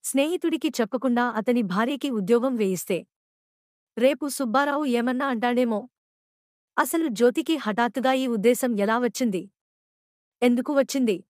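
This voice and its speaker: Woman narrating a story, higher voice. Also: normal speed, pauses often, dry recording, clean studio sound.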